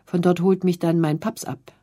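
A woman reading the part of a calm, self-assured young girl who patiently explains things in a storybook. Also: fairly low pitch, moderate pace, natural voice.

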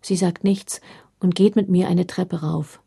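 A woman reading a story aloud in a measured storytelling manner. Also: fairly low pitch, steady tone, creaky, warm tone, husky. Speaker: reader.

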